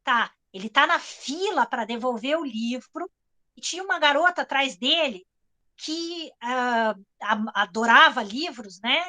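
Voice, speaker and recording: Brazilian woman author, anecdotal storyteller, high and bright, conversational with frequent tag questions. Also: expressive, a little slow. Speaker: writer. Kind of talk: storytelling talk to an audience.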